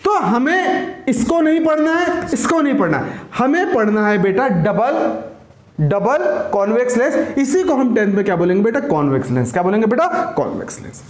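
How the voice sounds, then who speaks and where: A male science teacher with a very high voice, lecturing a class in an echoey room. He fires questions at his students, repeats every answer back to them and calls them "beta" as he drives each point home. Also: sing-song, moderate pace.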